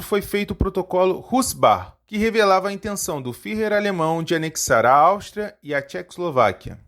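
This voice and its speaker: Guy reading a history lecture, slightly high voice, goes up on every date. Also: fairly bright tone. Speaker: history channel host.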